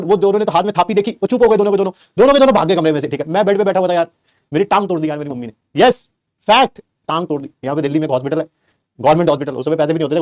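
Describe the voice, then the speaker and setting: A middle-aged man from tells a story to his class in a quick, high voice. He jokes and acts out his relatives' lines with energy. The sound is close and dry. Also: no room sound. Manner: animated, joking, acts out family quotes. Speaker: teacher. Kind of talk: storytelling aside in a class lecture.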